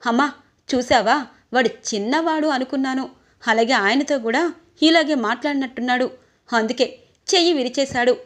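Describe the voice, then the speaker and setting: A woman voicing a fierce young married woman who scolds loudly and indignantly in a storybook retelling. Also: sits high, normal speed, pauses often, lightly acted. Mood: bitter.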